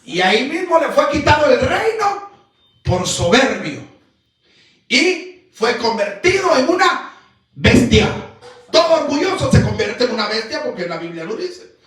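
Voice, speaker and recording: A man preaching a sermon as pastor, emphatic, firing rhetorical questions and breaking into shouts. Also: very high voice, very animated, a little slow, faint music behind. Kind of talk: Pentecostal-style sermon. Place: church sanctuary. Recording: very echoey church hall, mic far off.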